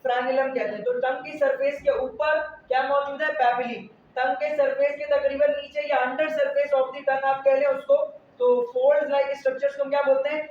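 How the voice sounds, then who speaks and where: A man's voice: very high voice, little pitch movement, normal speed, few pauses, far from the mic, a little hiss or hum. A male biology teacher, giving a classroom lecture and quizzing students with repeated questions. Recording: echoey lo-fi room recording from afar.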